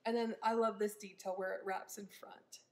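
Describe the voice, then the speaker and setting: A woman's voice: medium pitch, level tone, normal speed. A young woman chatting casually in a try-on haul vlog, upbeat and rambling with frequent ums. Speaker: vlogger.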